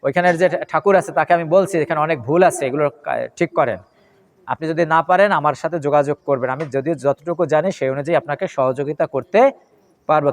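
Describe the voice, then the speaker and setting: A man giving a devotional scripture lecture, chanting mantras slowly and explaining their pronunciation while asking his listeners questions. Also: fairly high pitch. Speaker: religious lecturer.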